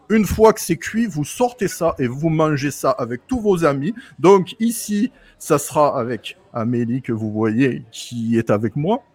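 Cheeky man with a high voice. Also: dry recording. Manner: mock-grand, cheeky, crude jokes. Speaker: guest co-host of a cooking podcast. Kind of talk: playful podcast chat.

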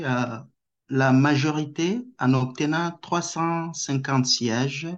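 A man who is a guest researcher answers interview questions slowly and hesitantly, with many pauses and fillers. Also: medium pitch. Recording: dull lo-fi sound.

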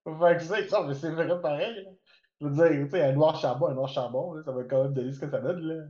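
A man's voice: on the high side, quick pace, warm tone, highs cut off. Man chatting on a roomy podcast. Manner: chatty, mixes English into French, many fillers. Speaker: podcast co-host. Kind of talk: casual chat.

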